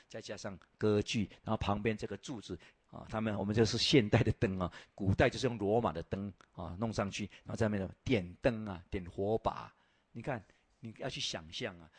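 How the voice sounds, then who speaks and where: Husky guy giving a bible-lands slide talk, animated, lots of "ah" fillers and questions to the room. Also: fairly low pitch, no echo. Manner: lively storytelling with rhetorical questions; frequent filler "ah". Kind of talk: lecture over slides.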